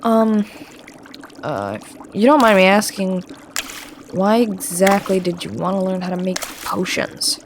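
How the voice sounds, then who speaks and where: A woman with a mid-range voice plays a mischievous male trickster witch teaching potion-making in an audio roleplay. Her lively, playful, sly delivery is measured and full of pauses, as the witch snickers, teases and stumbles over hesitant fillers, with slight background noise.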